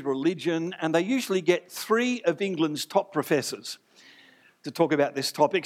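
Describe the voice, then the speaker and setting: A male pastor delivers a sermon before his church congregation. His voice sits slightly high, and he keeps things chatty and light, joking with the room as he teaches.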